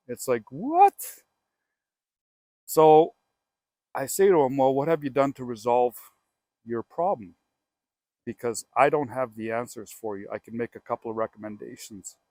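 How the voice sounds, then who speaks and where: A man with a Canadian accent hosts his own real estate show outdoors by a house, casually telling a story in a chatty, animated way and acting out both sides of a phone call. His voice is medium in pitch, with no room sound.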